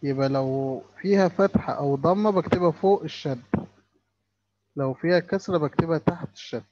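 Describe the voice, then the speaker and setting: A man's voice: on the high side, a little fast, a little mellow, dry recording, highs cut off. A man with an Egyptian Arabic accent teaching a lesson for young children, stretching out each sound as he spells words.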